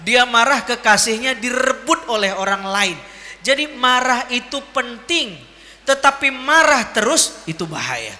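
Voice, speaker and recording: A man preaching a lively sermon to a live audience, teasing them with jokes and quizzing them with questions. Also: very high-pitched, measured pace. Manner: jokey and teasing, quizzing the crowd. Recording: long hall reverb.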